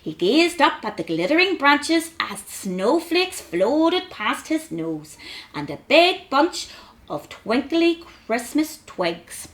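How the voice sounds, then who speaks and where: A woman narrating a storybook for young children with deliberate, sing-song phrasing. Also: sits high, big pitch swings, a bit bright.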